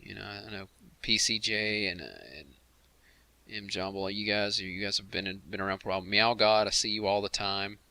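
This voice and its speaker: A man hosting a casual game commentary livestream, chatty and quick to laugh as he talks to the chat room. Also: lowish voice, level tone, sharp tone, clean tone. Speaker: host of a game commentary stream.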